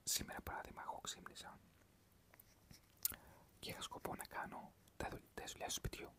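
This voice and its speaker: An ASMR creator whispering a rambling, gentle chat to viewers, mixing calming affirmations with everyday stories.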